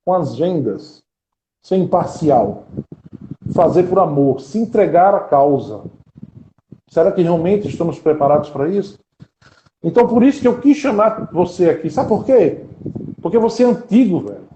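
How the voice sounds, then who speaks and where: A man's voice: sits high, lively intonation, moderate pace, pauses often, dark tone, reverberant, a little hiss or hum, poor audio. A man, hosting a live-streamed interview and asking earnest rhetorical questions. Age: 40s. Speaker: interviewer and podcast host.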